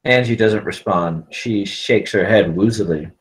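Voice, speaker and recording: At a table read, a man with a fairly low, unhurried voice reads a film script's stage directions as scripted present-tense narration.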